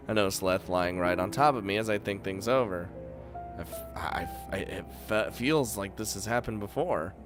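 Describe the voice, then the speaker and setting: Over background music, a game streamer reads game text aloud with commentary in a let's play. His voice is fairly low and his pace moderate, and he's animated, joking, reacting loudly and laughing often.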